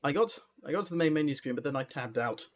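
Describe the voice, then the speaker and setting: A man's voice: a little high, lively intonation, fast talker. A man chatting casually as he hosts a live game stream, speaking into a headset mic.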